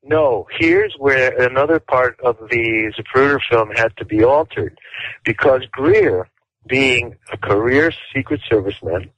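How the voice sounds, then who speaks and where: A male interview guest explaining in detail and at a deliberate pace, with frequent fillers. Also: medium pitch, expressive, a bit bright, dry recording. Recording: dull dry lo-fi audio.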